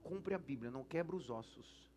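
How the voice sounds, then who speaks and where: A man with a Brazilian Portuguese accent, a senior pastor preaching a storytelling sermon in church, swinging between hushed asides and shouted lines. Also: mid-range voice, lively intonation, normal speed, faint music behind. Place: church service.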